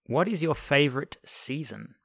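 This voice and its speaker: A man hosting a podcast interview, giving short reactions and asking quick-fire questions. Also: on the high side, animated, vocal fry, fairly bright tone, husky, no room sound, studio quality. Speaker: podcast host. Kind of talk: casual interview.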